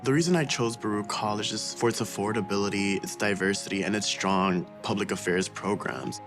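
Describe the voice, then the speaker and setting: An earnest young man speaks in a fairly low voice about his own path, reflective and sincere. A clear music bed runs under his words. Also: fairly even intonation, fairly quick. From United States, Dominican family. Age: young adult. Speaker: student in a college video. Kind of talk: interview testimonial.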